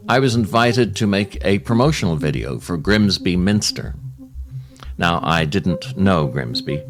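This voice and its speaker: With a deep voice, a man plays a podcast host in a scripted comic monologue. His delivery is wry and theatrical, punctuated by dramatic pauses.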